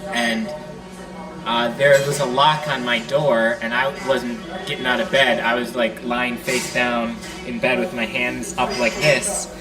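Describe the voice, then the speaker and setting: A man's voice: medium pitch, little pitch movement. Man recounting, music underneath. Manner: halting, plain retelling with fillers. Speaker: raid eyewitness. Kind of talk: casual interview testimony. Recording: distant mic with music underneath.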